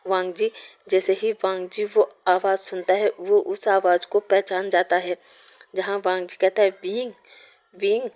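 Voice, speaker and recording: Woman, storyteller, fan fiction narration, monotone, medium pitch. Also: normal speed.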